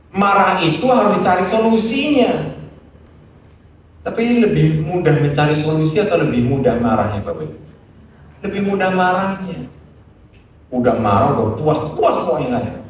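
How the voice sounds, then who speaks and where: Guy preaching in a church, voice kinda high, really echoey hall, mic far off, asks the crowd stuff and acts out little scoldings. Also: a little hiss or hum. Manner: animated preaching, acts out scolding quotes, asks the congregation questions. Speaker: pastor. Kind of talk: sermon.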